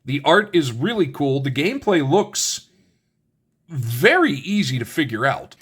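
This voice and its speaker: A man's voice: a little high, big pitch swings, measured pace, fairly bright tone, breathy edge. Chatty man reading game rules aloud. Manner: thinks aloud while reading rules, with many restarts and asides. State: has the hiccups. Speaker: channel host reviewing a card game. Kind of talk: casual unboxing commentary.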